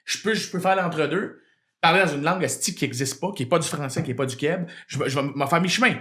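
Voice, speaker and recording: A man with a Québécois French accent, a comedian telling animated stories with plenty of swearing in a casual podcast chat. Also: fairly high pitch, fast talker. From Quebec. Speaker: guest comedian.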